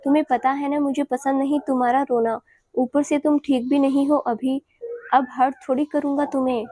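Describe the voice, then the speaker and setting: A woman's voice: sits high, level tone, normal speed, mellow, close to an everyday voice. Woman doing a teasing, caring young husband.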